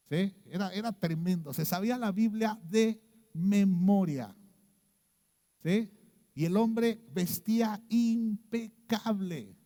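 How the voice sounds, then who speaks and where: A man with a Mexican Spanish accent preaching a sermon as a pastor, telling a story and dropping low and hushed when he mimics someone, often checking in with "¿sí?". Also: long reverb tail.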